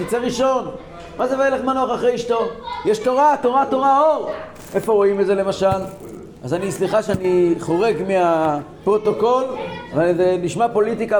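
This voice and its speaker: A man giving a Torah lesson to a group, impassioned, swinging from loud exclamations down to low, intense talk. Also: reverberant. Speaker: Torah teacher.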